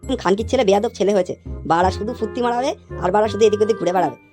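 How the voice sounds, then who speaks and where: A woman's voice: medium pitch, very fast, over music, close to an everyday voice. A woman voicing a crude, hot-tempered middle-aged father in a comedy cartoon, swearing coarsely and bellowing threats. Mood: furious.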